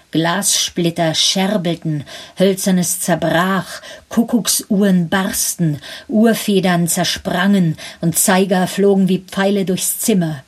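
A woman narrating a story in measured scripted storytelling with a husky voice. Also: fairly low pitch.

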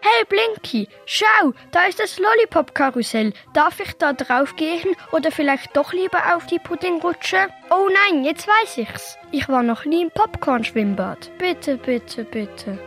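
Fields: Figure: greedy little sweet-loving creature voiced by a woman. Pitch: high. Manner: whiny, begging. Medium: children's audio story. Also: expressive, a little slow, few pauses, fairly bright tone, faint music behind, heavily acted. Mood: pleading.

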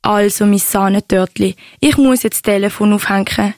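A woman's voice: mid-range voice, steady tone, moderate pace, darkish tone, no room sound, clean studio sound, lightly acted. Woman as young lovesick husband on the phone, Swiss German accent, pleading. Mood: doting. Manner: doting, pet names, pleading.

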